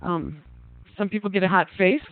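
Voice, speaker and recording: A man runs a parenting class, speaking loosely with plenty of ums as he reads out the group's answers. His voice sits high and sounds smooth. It comes through a thin, phone-like line with no room sound. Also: normal speed. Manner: reads out participants' answers and asks the group questions; relaxed, conversational, frequent ums. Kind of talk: online class lecture. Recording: tinny phone-like line, dry.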